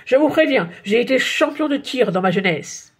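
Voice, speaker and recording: A woman voicing a jumpy, blustering father in a storybook reading, loud and flustered. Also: on the high side, fairly quick, husky.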